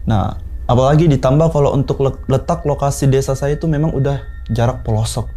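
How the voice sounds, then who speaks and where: A man in his twenties from South Sulawesi, telling a horror story in a relaxed, unhurried way with many pauses. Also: mid-range voice. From South Sulawesi, Indonesia. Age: 20s. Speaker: guest storyteller.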